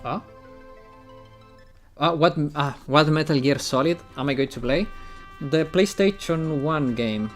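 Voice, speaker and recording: A man's voice: fairly high pitch, unhurried, long pauses, faint music behind. A man streaming video games, chatting casually and thinking aloud, often repeating his phrases. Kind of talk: casual live-stream chat.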